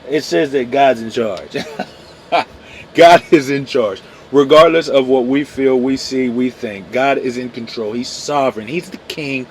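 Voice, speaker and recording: A man's voice: mid-range voice, measured pace, darkish tone, a little hiss or hum. A man hosting a daily Bible devotional podcast, talking casually, often saying "man" and correcting himself as he goes. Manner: laid-back, peppers talk with "man", self-corrects.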